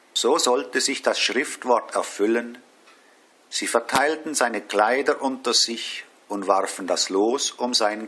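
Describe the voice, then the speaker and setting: A man leading a Stations of the Cross devotion, reading prayers and scripture in a slow, solemn way. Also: lowish voice, sharp tone, breathy edge. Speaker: prayer leader.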